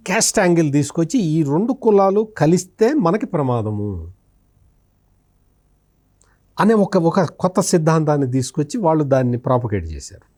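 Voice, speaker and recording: A man with a fairly high, mellow voice offers political analysis as a journalist in an interview. He explains things emphatically, asking questions and answering them himself, and he repeats phrases.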